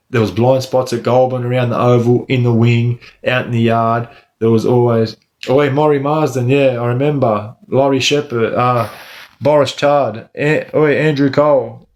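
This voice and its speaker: Casting: Australian male livestream host, casual storyteller, heavy eshay street slang, mid-pitched voice. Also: a little mellow. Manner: Aussie eshay street slang, says lad and bro often.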